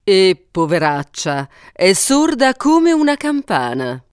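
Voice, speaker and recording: A shrill, haughty queen who shouts her words, as a man puts her on. The voice leaps high and swings widely in pitch, with a timbre far from his own. A storybook figure, acted with broad comic energy. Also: huge pitch swings, slow pace, clean tone, no echo, studio quality, heavily acted.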